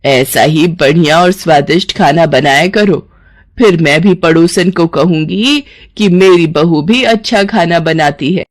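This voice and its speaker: Woman doing a low-voiced stern mother-in-law. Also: a little slow. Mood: teasing. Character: stern middle-aged mother-in-law, later remorseful.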